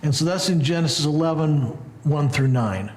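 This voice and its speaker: A man's voice: on the high side, moderate pace, darkish tone. A man leading a group Bible study in a conversational way, with restarts. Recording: echoey room with faint hiss.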